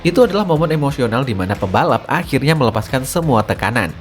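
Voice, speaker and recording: A man giving scripted, energetic narration in a casual, slangy way, building drama as he explains. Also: medium pitch, quick pace, faint music behind.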